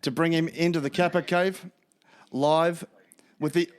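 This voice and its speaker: High-voiced Australian man hosting a podcast. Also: fairly even intonation, a little slow. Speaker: podcast host, quizmaster. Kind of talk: jokey casual podcast hosting.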